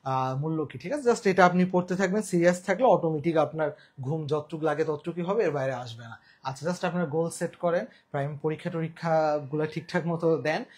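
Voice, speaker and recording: A man's voice: fairly high pitch, fairly quick, slightly rough. A man with a Bangladeshi Bengali accent teaching a live online exam-prep class, repeating key terms and quizzing viewers. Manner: colloquial, mixes in English words.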